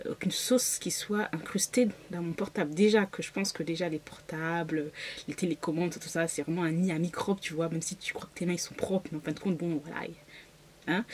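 A woman's voice: lowish voice, a little mellow, slightly rough. A woman, chatting in a bubbly way as a booktuber, with lots of fillers and laughs. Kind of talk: casual chatty vlog.

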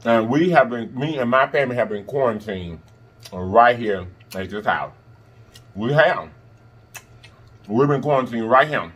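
A husky-voiced man hosting a mukbang munches crunchy fried chicken at a food-laden table in front of an indoor green backdrop, chatting casually with pauses and mm-hums. Sassy and emphatic, he repeats phrases to stress them, his mid-range voice animated and a bit bright.

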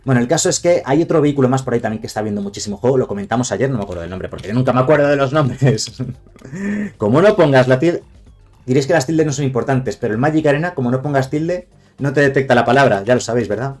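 A man with a Spain Spanish accent rattles through a card game deck guide at a quick clip. His voice sits in a middle register, and he talks straight to his viewers, often restarting and correcting himself. Faint music plays beneath him. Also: medium pitch, darkish tone. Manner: fast, chatty, self-correcting, addresses viewers directly. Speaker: card game content creator.

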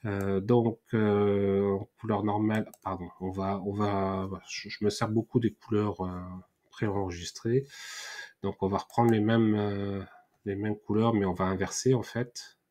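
A man's voice: fairly low pitch, flat delivery, measured pace, dark tone. A man hosting a screen-recorded tutorial, thinking aloud with many fillers and restarts. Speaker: tutorial host. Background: mouse clicks and typing.

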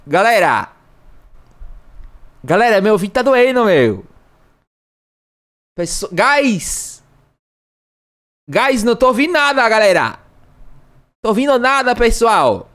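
A man's voice: sits high, very animated, takes it slowly, pauses often, pitched above the performer's own voice, exaggerated voice. Man putting on a screaming hype streamer. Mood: hyped. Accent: Brazilian. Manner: loud, over-the-top hype, half sung. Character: hyped-up, shouting young male streamer.

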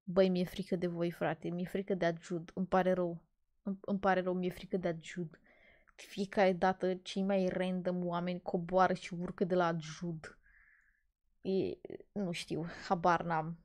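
A young woman from Romania streaming, ranting casually and sarcastically with dramatic swings between muttering and loud outbursts. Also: level tone. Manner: exasperated, sarcastic, dramatic swings in loudness and pitch. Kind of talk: casual rant.

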